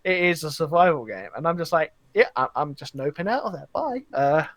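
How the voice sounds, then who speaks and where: On a casual, animated gaming podcast, a male host rambles along and acts out quoted reactions while telling stories. His voice runs on the high side, sing-song and a bit bright, a little fast, with no echo.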